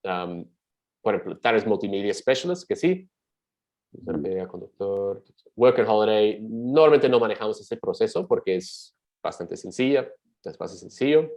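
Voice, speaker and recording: Guy with a lowish voice running a webinar q&a, thinks out loud, answers fast. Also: expressive, poor audio. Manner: reads out questions and answers them briskly, thinking aloud. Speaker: migration advisor hosting a webinar. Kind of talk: live webinar Q&A.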